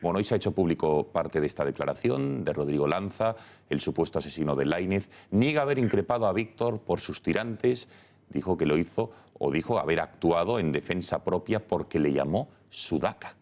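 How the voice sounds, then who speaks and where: A man's voice: low-pitched, expressive, a little fast, darkish tone. A man anchoring a television newscast with firm, emphatic delivery. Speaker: news anchor. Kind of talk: news presenting.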